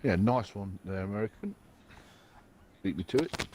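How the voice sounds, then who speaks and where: A man's voice: on the low side, expressive, moderate pace, background noise. A man making short, casual interjections in gaming stream banter.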